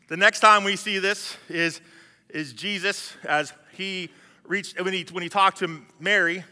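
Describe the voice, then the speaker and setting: Guy preaching a sermon, chatty, keeps restarting, high voice, long echoey church reverb. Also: fairly even intonation, a little slow, bright, forceful tone. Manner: conversational, acts out biblical scenes, many restarts. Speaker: pastor.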